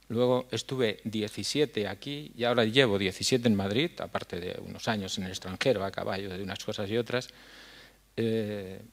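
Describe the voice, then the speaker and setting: Older man speaking earnestly, halting. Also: fairly low pitch. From La Mancha, Spain. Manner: earnest, halting with frequent fillers. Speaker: foundation head giving a talk. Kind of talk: conference speech. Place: dark stage in a hall. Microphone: stand mic at a lectern.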